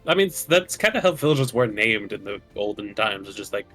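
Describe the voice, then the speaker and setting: Deadpan man playing a tabletop game. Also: fairly low pitch, a little fast, faint music behind. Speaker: player. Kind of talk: casual tabletop game chat.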